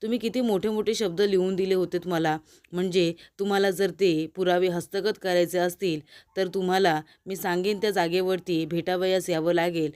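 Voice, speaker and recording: A woman's voice: lowish voice, steady tone, normal speed, a little mellow, smooth, close to an everyday voice. A woman reading a confident young husband. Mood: assured.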